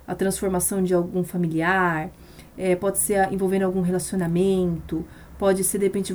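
A woman's voice: mid-range voice, warm tone, slight background noise. A woman preaching a sermon on a live stream, impassioned and emphatic, repeating phrases for stress.

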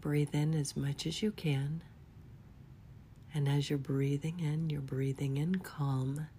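Woman's soft, very slow spa whisper. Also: low voice, steady tone, a little hiss or hum. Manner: unhurried, gentle instructing. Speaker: guided relaxation leader. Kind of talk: whispered guided body-scan meditation.

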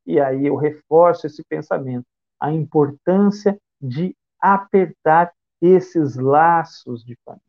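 A man's voice: fairly high pitch, slow, dull audio. A Brazilian man giving a spiritist lecture, reflective, asking rhetorical questions. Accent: Brazilian Portuguese. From São Paulo state, Brazil. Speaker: spiritist speaker.

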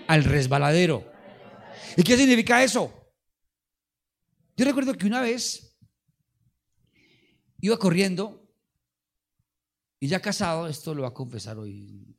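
A middle-aged man with a Colombian Spanish accent, a pastor preaching a sermon with lively storytelling and call-and-response. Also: mid-range voice.

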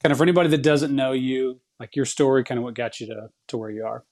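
A man's voice: mid-range voice, fast talker, darkish tone. A man hosting a podcast, talking in a casual, upbeat and friendly way with frequent fillers. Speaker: podcast host. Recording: music bed behind the voice. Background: background music.

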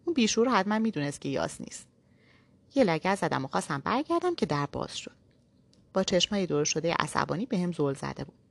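A woman narrating a novel aloud in the first person, in a steady storytelling manner. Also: on the low side, vocal fry, dry recording.

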